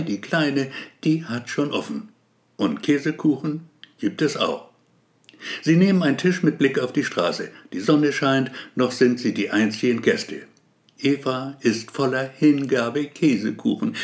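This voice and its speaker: A man narrating a story as an audiobook in a playful, wry way. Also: medium pitch.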